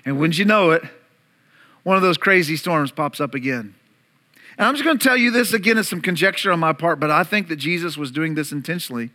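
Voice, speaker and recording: At a church service before his congregation, a pastor with a highish, sharp voice preaches at a fairly quick pace. He tells the story dramatically, tossing playful asides to the room.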